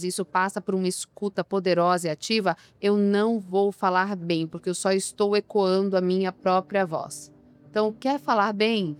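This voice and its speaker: A woman who coaches people on public speaking, talking emphatically in an interview and often asking rhetorical questions. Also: medium pitch. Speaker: communication coach. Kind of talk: podcast interview.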